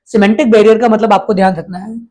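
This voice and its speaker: A man's voice: sits high, fairly even intonation, fast, warm tone. A male teacher from India giving an exam-prep lecture, constantly quizzing his students and repeating the answers.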